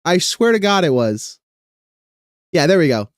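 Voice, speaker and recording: A man's voice: fairly high pitch, sing-song, a little slow, dry recording, studio quality. A young man chatting casually on a live stream, rambling with lots of fillers and casual swearing.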